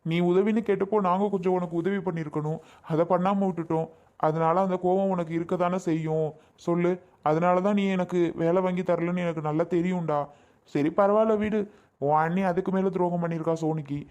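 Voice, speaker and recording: A man's voice: high voice, steady tone, a little fast, darkish tone, highs cut off, lightly acted. A man acting in a short family drama skit, pouring out complaints about family troubles and pleading for help. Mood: aggrieved.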